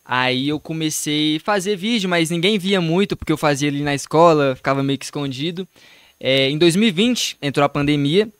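A young man, a guest in a casual interview, relaxed and quick to laugh as he chats in slang. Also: on the high side, smooth, dry recording, studio quality. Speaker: guest, comedy content creator.

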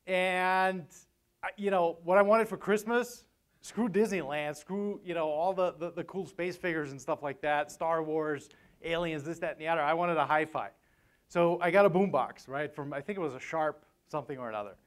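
On stage at a lectern in a hotel meeting room, a seminar speaker in his forties from Vienna, Austria, gives an informal, joking conference talk through a lapel mic. His voice sits a little high at a normal speed, and his conversational style often tags sentences with "right?"

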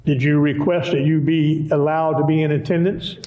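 Lawyer in a roomy courtroom recording. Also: male voice, on the high side, flat delivery, normal speed, mellow, lo-fi sound. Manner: polite and formal, addresses the witness as sir. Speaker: defense attorney questioning a witness. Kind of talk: formal courtroom questioning.

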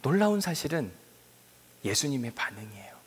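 Animated male pastor preaching in a reverberant church. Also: mid-range voice, fairly quick, husky. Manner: animated, lively storytelling that acts out biblical dialogue. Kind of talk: sermon. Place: church sanctuary. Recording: long reverb of a large church hall.

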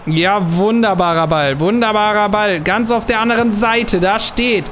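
A young man giving casual commentary while he plays a football video game, muttering at times and bursting out loudly at plays. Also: high-pitched, normal speed, a little hiss or hum. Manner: excitable, swings from muttering to loud outbursts at plays. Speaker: gaming channel host.

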